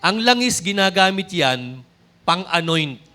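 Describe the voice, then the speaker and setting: A man with a Filipino accent preaches with animated energy, mixing Tagalog and English as he speaks straight to the congregation. His voice sits high for a man and has a bright, forceful edge. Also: measured pace. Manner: often addresses the congregation directly. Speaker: pastor. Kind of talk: sermon.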